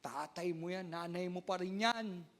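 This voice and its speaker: A man preaching a sermon as pastor, loud and near shouting, calling out to the congregation for amens. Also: unhurried. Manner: loud, often sounds like shouting; acts out quoted voices with big pitch jumps.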